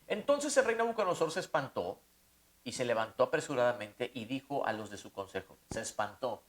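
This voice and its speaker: A man's voice: mid-range voice, very animated, fairly quick. A man preaching a conversational Bible-study sermon, often putting rhetorical questions to the listener.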